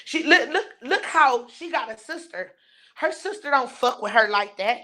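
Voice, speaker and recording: A woman's voice: sits high, animated, normal speed, pushed and bright. A woman hosting a live stream, ranting bluntly and scornfully while reading and answering her viewers' chat. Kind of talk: heated live-stream rant.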